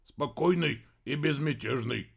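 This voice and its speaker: A man voicing a mild, patient wizard who answers calmly and gently contradicts. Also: medium pitch, a little slow, exaggerated voice. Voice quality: gravelly, husky.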